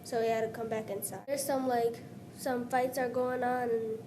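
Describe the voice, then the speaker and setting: A woman's voice: fairly high pitch, level tone, moderate pace, noisy background. A woman from Somalia talking casually, with many fillers, about life back home. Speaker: interviewee. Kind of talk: personal account.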